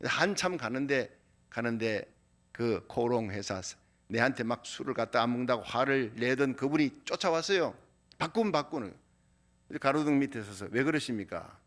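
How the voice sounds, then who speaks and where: Lively Korean pastor telling a story. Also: male voice, moderate pace. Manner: storytelling with acted quotes, lively pitch. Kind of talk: sermon.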